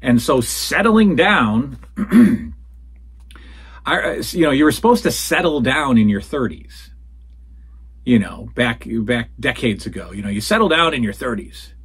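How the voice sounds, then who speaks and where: Unhurried and expressive, a man in his forties talks in a fairly bright, breathy mid-range voice while answering listener questions on his solo podcast. He rambles casually from a home den of retro toys and posters, calling his audience folks.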